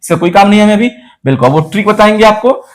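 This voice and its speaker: A man's voice: high-pitched, expressive. A man, teaching a classroom lesson. He drills sentences word by word and talks to his students as if they were children. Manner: explains slowly, addressing students as children. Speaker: English teacher.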